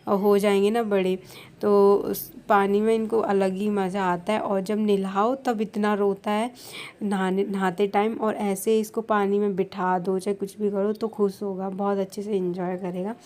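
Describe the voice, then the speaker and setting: A woman's voice: mid-range voice, level tone, normal speed, hardly any pauses, darkish tone. Chatty Indian woman narrating chores. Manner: chatty, explains chores step by step. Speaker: vlogger. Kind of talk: casual voice-over narration.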